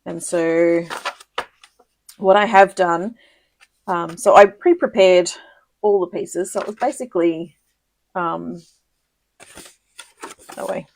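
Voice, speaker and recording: A woman hosting a casual live crafting tutorial, chatty and giggly, with many ums and quick self-corrections. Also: lowish voice, a little mellow. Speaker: papercraft demonstrator hosting a live video.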